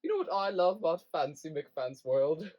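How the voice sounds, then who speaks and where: A man's voice: a little high, sing-song, normal speed, dull audio. A man doing a posh, fancy British lady voice with a swooping theatrical drawl in a comedy talk show bit. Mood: posh, hammy.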